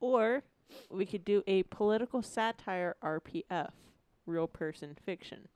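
Woman podcast host, smooth and dry, hamming up a comic reading. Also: medium pitch, a little slow, a little mellow, dry recording. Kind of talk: comedic podcast chat and dramatic reading.

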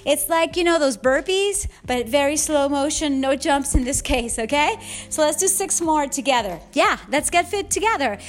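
A woman's voice: sits high, lively intonation, normal speed, faint music behind. A woman fitness instructor and podcast host coaching a workout like an aerobics instructor, enthusiastic, bubbly and encouraging.

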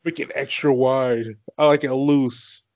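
A man's voice: mid-range voice, flat delivery, a little slow, a little mellow, dry recording. Casual man, mid-range voice, crude joker, lo-fi dry recording. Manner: joking, crude banter, laughs often. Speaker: co-host watching a TV show. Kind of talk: casual chat. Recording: dull lo-fi dry sound.

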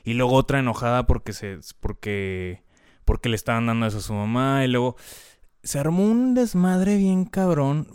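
A man's voice: medium pitch, darkish tone, clean tone, no echo, clean studio sound. Candid slangy Mexican man. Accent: Mexican Spanish. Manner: candid and heavily slangy, lots of filler words. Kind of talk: casual conversation.

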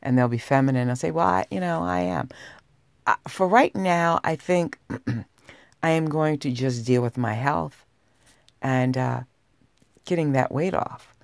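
A woman hosting a personal podcast, talking straight to listeners in an unhurried, sultry, intimate low voice. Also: a little mellow, dry recording. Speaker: podcast host. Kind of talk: personal talk podcast monologue.

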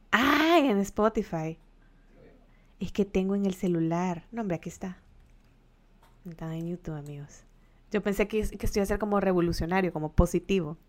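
A woman with a Mexican accent chatting casually on a livestream, joking with her viewers and laughing often. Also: fairly low pitch.

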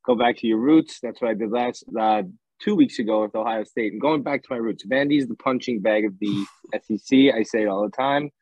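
A man's voice: mid-range voice, a little fast, darkish tone, no echo, rough recording. A man on a casual college football betting podcast, laid-back and rambling as he explains his picks. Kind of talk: casual sports betting chat.

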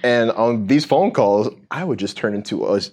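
A man's voice: medium pitch, normal speed, darkish tone. A man chatting on a podcast, blunt and candid about his old job, often repeating words. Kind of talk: casual podcast chat.

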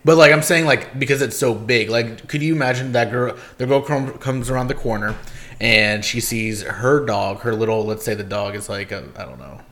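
A man's voice: mid-range voice, normal speed, fairly bright tone. A man in casual podcast chat, teasing his co-host and playing devil's advocate.

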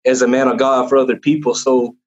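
A young man in a podcast interview gives a heartfelt, rambling testimony, full of fillers and restarts. His voice sits at an ordinary middle pitch. The recording is muffled and lo-fi. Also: little pitch movement, fast talker. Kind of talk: personal testimony in casual conversation. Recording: dull lo-fi sound.

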